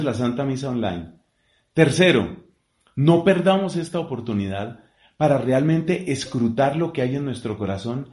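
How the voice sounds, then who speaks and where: A priest with a lively, preacherly way of speaking, answering questions in a talk. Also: male voice, medium pitch, echoey room. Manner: animated, preacherly, lively emphasis.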